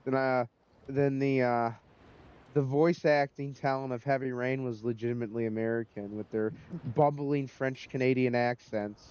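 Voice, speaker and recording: A man's voice: medium pitch, fairly even intonation, moderate pace, a little mellow, clean tone. A man rambling opinionatedly while casually commenting on a game he is playing. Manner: rambling, opinionated, many fillers. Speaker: gaming commentator. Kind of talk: casual let's-play chat. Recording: dull lo-fi voice recording.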